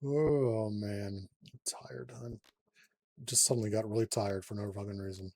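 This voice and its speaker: A man with a lowish, slightly mellow voice and fairly even intonation plays a card game by himself at normal speed. As the channel host, he offers casual tabletop commentary, counting cards quietly and cursing freely.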